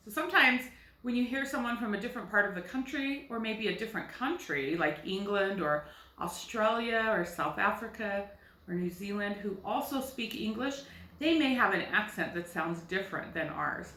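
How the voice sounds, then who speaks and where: An American woman teaches young children in a clear, bright voice, patiently explaining and posing questions she then answers herself. She sounds a little distant from the mic, in an echoey room. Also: mid-range voice, lively intonation, moderate pace. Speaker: first grade teacher. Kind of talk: recorded phonics lesson for children.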